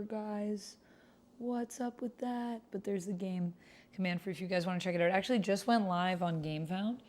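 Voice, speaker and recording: On the low side and darkish, this woman's voice carries a casual livestream where she hosts a tabletop roleplay. She talks to her viewers in a chatty, informal way, reading their chat and the story text aloud.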